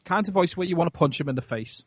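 A man from Britain banters on the radio in short, blunt remarks. His voice sits a little high, and a close, dry studio mic gives it a tight sound. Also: animated, quick pace, breathy edge, no echo.

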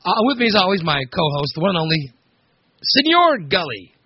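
A man's voice: on the high side, lively intonation, racing, slightly rough. A man hosting a casual comedic internet talk show, rambling and interrupting himself as he chats. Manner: rambling, self-interrupting, chatty. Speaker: show host. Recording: dull lo-fi recording.

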